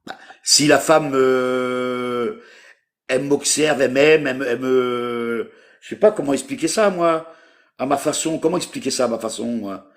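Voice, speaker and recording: A man's voice: medium pitch, moderate pace. A man in his fifties from France, talking hesitantly on a live call and searching for his words. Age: 50s. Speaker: caller seeking a partner.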